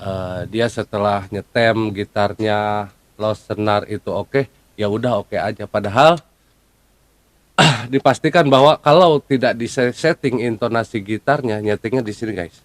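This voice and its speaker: A man's voice: on the low side, unhurried, dry recording. A man casually explaining a guitar topic to viewers, with frequent fillers and a conversational, hands-on manner. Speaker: guitar tutor.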